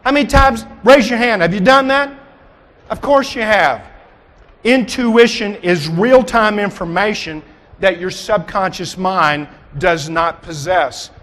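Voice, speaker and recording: A man's voice: sits high, unhurried, fairly bright tone. A man giving a motivational keynote speech on stage, dramatic and firing rhetorical questions at the audience. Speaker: keynote speaker. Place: large convention hall stage. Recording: long hall reverb.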